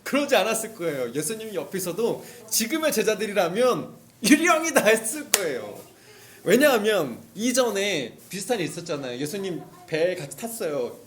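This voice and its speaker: A male pastor delivers a relaxed, conversational sermon, telling the story vividly and acting out the characters' cries. His voice sits high and swings widely in pitch. He keeps turning to the congregation with questions. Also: a little fast, few pauses.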